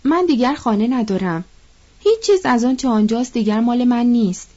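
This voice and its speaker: Female reader voicing a defiant, bitter young mother; keep it fiery, a bit high. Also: expressive, mellow, highs cut off. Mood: despairing. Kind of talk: audiobook reading.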